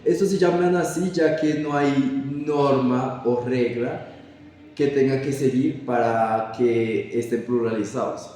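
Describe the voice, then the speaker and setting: Halting young man teaching in an echoey room. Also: mid-range voice, fairly even intonation, dark tone, slight background noise. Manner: halting, self-correcting explanations. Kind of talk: classroom grammar explanation. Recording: echoey room, voice far from the mic.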